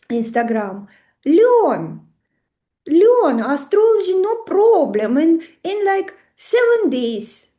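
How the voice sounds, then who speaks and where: High-pitched woman with a Russian accent. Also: a little mellow. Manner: emphatic, conversational, with rhetorical questions. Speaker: astrology teacher. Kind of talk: informal lecture to a live group.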